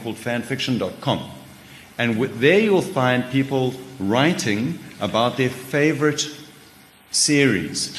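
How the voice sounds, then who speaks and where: A man's voice: medium pitch, a bit bright. A South African man speaking informally on a panel as a publisher, discursive and a little hesitant. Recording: echoey hall, far reverb, faint noise.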